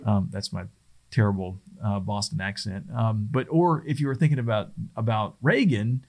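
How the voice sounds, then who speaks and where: A man's voice: fairly low pitch, moderate pace, darkish tone. A middle-aged man teaching presentation skills in a casual, conversational way, often restarting his sentences. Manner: conversational, loose and rambling, often restarts phrases. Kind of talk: casual spoken lesson.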